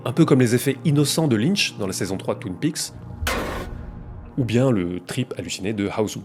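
A man's voice: mid-range voice, expressive, moderate pace, over music. A man hosting a video essay, narrating in a wry, conversational way with playful emphasis.

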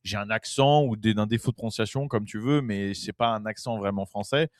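Animated, emphatic man talking casually. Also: on the low side, fairly quick, dry recording, clean studio sound. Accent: French. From France. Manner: animated, emphatic, repeats himself, swears casually. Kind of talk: casual chat.

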